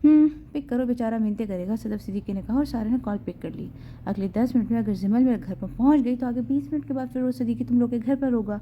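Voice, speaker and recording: A woman's voice: fairly high pitch, narrow, tinny audio, slight background noise. A young woman narrating a romance novel aloud and giving each character a voice in the dialogue. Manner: acts every character in dialogue.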